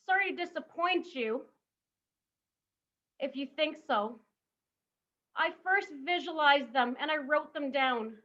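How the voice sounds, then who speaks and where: A woman's voice: high-pitched, slow, long pauses, sharp tone, lo-fi sound. A woman in her thirties giving a motivational summit talk, emphatic and full of rhetorical questions. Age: 30s. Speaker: summit speaker.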